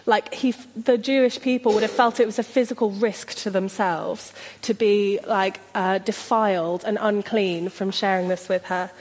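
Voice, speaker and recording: A woman preaching a sermon in an earnest, reflective way as she retells a scripture story. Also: a little high. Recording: long hall reverb.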